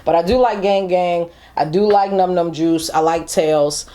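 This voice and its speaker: A woman's voice: on the low side, a little slow, dark tone, slight background noise. Female podcast co-host; casual, chatty, laughs easily, repeats herself. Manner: chatty, frequent fillers and repeats. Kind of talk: casual music review chat.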